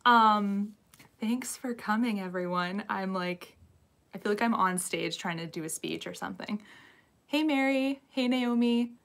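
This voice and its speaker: A young woman talks into her phone from home, hosting a casual live Q&A. She speaks slowly in a fairly high voice. She sounds nervous and giggly as she greets each viewer by name. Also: fairly bright tone. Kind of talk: casual live-stream chat.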